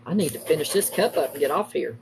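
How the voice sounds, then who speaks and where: A woman's voice: quick pace, creaky, noisy background. Woman telling chatty stories. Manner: lively, acts out quoted family members with big pitch jumps. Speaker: crafter livestreaming to viewers. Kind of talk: casual storytelling chat while crafting.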